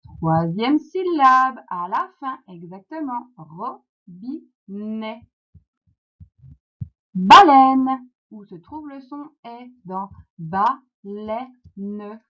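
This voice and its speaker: Slow, clear French teacher woman. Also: a little high, sing-song. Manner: slow, clear, encouraging, syllable by syllable. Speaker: primary school teacher. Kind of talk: phonics lesson for young children. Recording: dull lo-fi sound.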